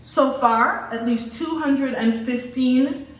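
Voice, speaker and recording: Woman lecturer, fairly high voice, at a podium, heard from afar in a roomy hall. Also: slow. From Guyana, raised in Jamaica. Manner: reads steadily from prepared remarks, listing items one by one. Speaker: researcher giving a lecture. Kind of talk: prepared lecture. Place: lecture hall with a stage and screen. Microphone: podium mic, far camera. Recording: echoey hall, voice from far off.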